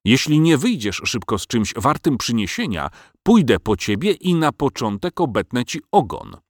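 A man's voice: mid-range voice, sing-song, normal speed, no echo, clean studio sound. A man reading a storybook and voicing a shrewd, bossy old farmer who drives a hard bargain. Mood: commanding.

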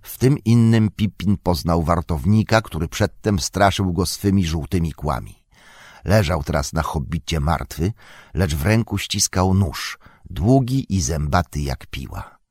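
Deep, husky male audiobook narrator. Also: no room sound, studio quality. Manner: steady, measured storytelling.

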